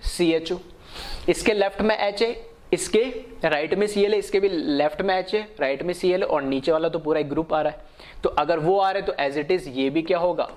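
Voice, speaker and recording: Man, chemistry teacher, fairly high voice, rhetorical questions, slow dictation. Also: darkish tone. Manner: slow, dictated English definitions; asks questions then answers them. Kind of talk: online lecture.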